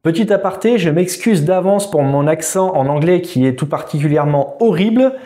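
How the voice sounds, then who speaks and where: High-voiced, mellow male tutor. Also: lively intonation. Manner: informal, addresses the viewer directly; reads quiz answers slowly and distinctly. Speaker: driving exam tutor. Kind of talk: quiz lesson video.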